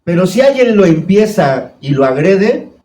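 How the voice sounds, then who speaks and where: A man's voice: sits high, sing-song, measured pace, warm tone. A man preaching a sermon as pastor, putting questions to his congregation. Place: church hall. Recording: echoey church room.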